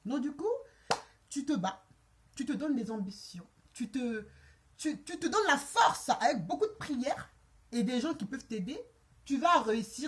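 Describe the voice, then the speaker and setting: A woman telling a storytime vlog, animated and often breaking into laughter as she talks to her viewers. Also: medium pitch. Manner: addresses viewers directly. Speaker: vlogger.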